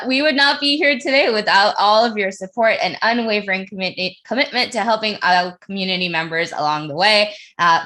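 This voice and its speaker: A woman's voice: medium pitch, sharp tone. Bubbly, giggly woman co-hosting a stream. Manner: laughs often, bubbly. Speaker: co-host of a community livestream. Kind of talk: casual livestream chat.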